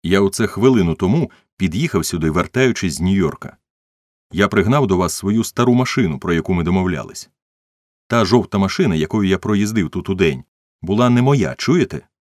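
A man voicing a rough, commanding wealthy man who talks in a gruff, domineering way. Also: deep voice, lively intonation, a little fast, no echo, clean studio sound.

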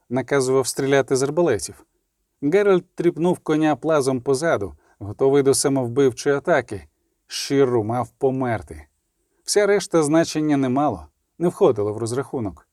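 A man reading an audiobook in a steady, measured way, adding short explanatory notes. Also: mid-range voice, dry recording, studio quality. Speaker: audiobook reader. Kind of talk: audiobook narration.

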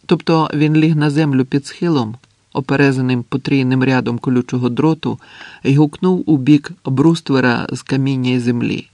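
A man narrating a novel as an audiobook in a measured, even manner. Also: medium pitch, dry recording. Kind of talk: scripted narration.

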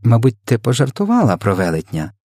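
A man's voice: medium pitch, huge pitch swings, fairly quick, no room sound, clean studio sound. A man voicing a startled, commanding queen. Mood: composed. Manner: sharp and commanding, drops to a hushed whisper. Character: startled, dignified queen woken from a dream.

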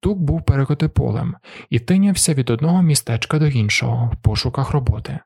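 Brief: male narrator, husky, steady, dry close mic, audiobook. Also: mid-range voice, fast, no room sound. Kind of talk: scripted narration.

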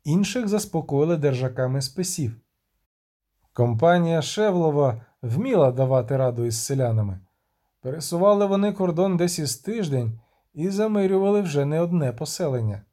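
A man reading a novel aloud in measured, even scripted narration. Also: fairly high pitch. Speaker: audiobook reader.

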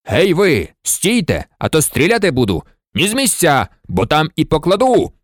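A man reading an audiobook, voicing a stern, impatient policeman who talks in a brisk, scolding, sarcastic way. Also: fairly high pitch, huge pitch swings, dry recording, studio quality. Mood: commanding. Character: gruff stern male policeman, mocking and impatient.

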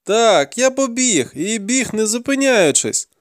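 A man's voice: extremely high pitch, big pitch swings, unhurried, dry recording, studio quality, pitched above the performer's own voice, full character voice. A man voicing a frightened young male deserter held captive, pleading and frantic.

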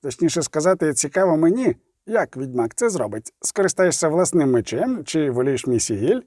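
A man voicing a gruff, blunt male dwarf leader in an audiobook, mocking and quick to swear. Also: fairly high pitch, big pitch swings, darkish tone, no echo, studio quality. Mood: sardonic. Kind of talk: audiobook reading.

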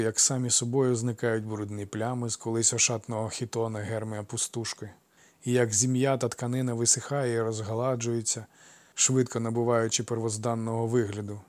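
Male audiobook narrator, measured and expressive. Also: medium pitch, no room sound.

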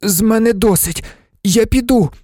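A man voicing a frightened, stubborn teenage boy with a high, shaky, shouting voice. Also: measured pace, dry recording, clean studio sound.

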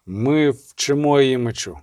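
Quiet stern witcher, voiced by a man, resolute, measured, dry sound. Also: mid-range voice, lively intonation, dry recording, close to an everyday voice.

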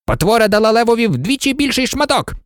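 A man voicing a boastful, excitable unicorn who likes to exclaim. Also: very high voice, quick pace, clean tone, no room sound, clean studio sound, voice pushed up. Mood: indignant. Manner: eager, exclaiming.

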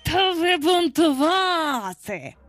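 A woman narrator voicing a menacing male pirate captain with an iron hook, who talks with cold, mock-gentle threat. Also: very high-pitched, big pitch swings, slow, faint music behind, voice pushed up, exaggerated voice. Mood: mock-gentle menace.

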